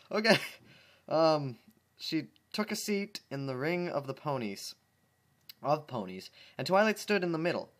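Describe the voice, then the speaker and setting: Slow and full of long pauses, this man's fairly high, fairly bright voice swings widely in pitch while he reads fan fiction aloud as a channel host. Amused, he stumbles often, laughs at the story, and offers commentary.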